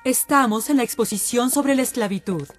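A woman's voice: fairly high pitch, a little fast, over loud music. A woman narrating a guided tour of an exhibition, explaining to her listeners. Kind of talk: scripted narration.

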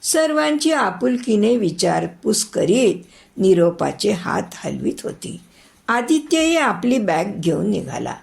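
Slow, gravelly woman storyteller. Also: mid-range voice, very animated, darkish tone. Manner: measured dramatic reading. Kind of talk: scripted narration of a horror story.

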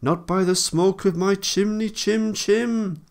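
Man putting on a high, fretful tram engine. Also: fairly even intonation, takes it slowly. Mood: mock defiant. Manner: shaky, breathless urgency. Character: sly, play-acting male tram engine, feigning fright.

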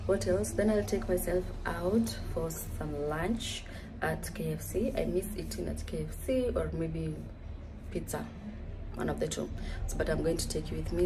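A woman's voice: on the low side, measured pace, music in the background. A young Kenyan woman in her twenties, talking casually to her phone camera in a small bedroom and mixing Swahili words into her English. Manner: chatty, mixes in Swahili words. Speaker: vlogger. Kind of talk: casual vlog chat to camera. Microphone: phone camera held close.

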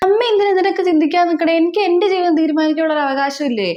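A woman's voice: very high voice, very fast, darkish tone, muffled recording. A woman playing a young adult daughter in a comedy sketch, arguing back insistently. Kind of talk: comedy sketch role-play.

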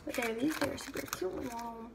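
Baking at home for her vlog, a young woman chats away with plenty of "um" and "like," poking fun at herself. She has a slightly high, gravelly voice at a moderate pace. Picked up by a camera mic that is at times across the room, the roomy kitchen audio is very noisy.

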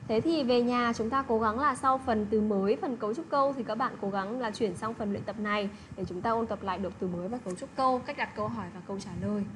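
A woman teacher walks children through an English lesson in a patient, checking manner. Her voice sits slightly high. A steady hiss of noise runs under the recording. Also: quick pace, hardly any pauses. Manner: patient, repeats checks like "được chưa".

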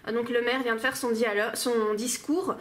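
A woman's voice: on the high side, steady tone, moderate pace. A woman reviewing stories aloud in a casual, hesitant way, full of fillers. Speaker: book reviewer. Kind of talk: casual spoken critique.

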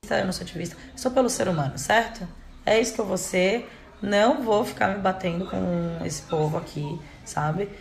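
A woman's voice: lowish voice, creaky. A woman chatting casually to her viewers in a vlog, talking loosely with many fillers. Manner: chatty, filler-heavy, addresses viewers as "gente". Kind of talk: casual direct-to-camera chat. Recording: echoey room with faint noise.

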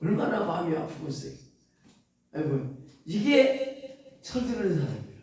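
A man's voice: fairly high pitch, very animated, unhurried, darkish tone. A pastor preaching a sermon to his congregation, quoting scripture and asking rhetorical questions with strong emphasis. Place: church sanctuary. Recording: very echoey church from far off.

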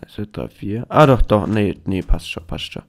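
A man's voice: fairly low pitch, lively intonation, normal speed, creaky, no room sound, clean studio sound. A man giving casual gameplay commentary, hyper and jokey, rambling to himself. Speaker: let's play gamer.

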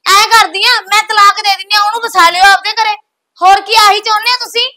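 A woman's voice: very high voice, fairly even intonation, fast talker, sharp tone. A woman with a Punjabi accent playing a resentful young wife who bickers sarcastically. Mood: sarcastic. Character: resentful young wife jealous of her sister-in-law. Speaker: wife and daughter-in-law.

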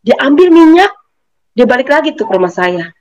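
A woman giving a personal faith testimony, telling her story in an animated way and acting out the voices of people she quotes. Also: sits high, normal speed, muffled recording. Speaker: testimony giver.

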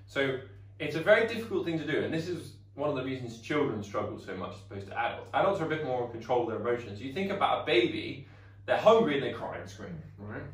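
A man's voice: medium pitch, animated, fast talker. A man teaching a karate class in a chatty way, often asking "right?" to check the class follows. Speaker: karate instructor. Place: training hall. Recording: echoey room, voice from far off.

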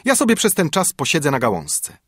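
A man doing a shrill vengeful little sparrow. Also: wildly swooping pitch, a little fast, breathy edge, no room sound, clean studio sound, full character voice. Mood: kindly. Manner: shrill, taunting. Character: small fierce vengeful male sparrow. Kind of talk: storybook reading.

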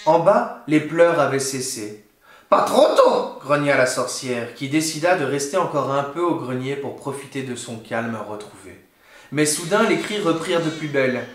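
Expressive man reading a children's story. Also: mid-range voice, normal speed. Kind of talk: reading a picture book aloud. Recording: roomy echo.

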